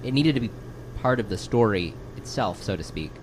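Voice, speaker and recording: A man playing an exasperated, self-important software developer, halting and pedantic. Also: lowish voice, expressive, noisy background, natural voice. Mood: dry, explanatory.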